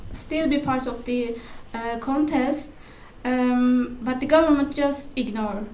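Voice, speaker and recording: Speaking slowly in a high, slightly mellow voice, a woman from Turkey answers as a conference panelist, hesitating and searching for her words in English with a Turkish accent. The audio comes from a distant mic in an echoey room, with faint background noise.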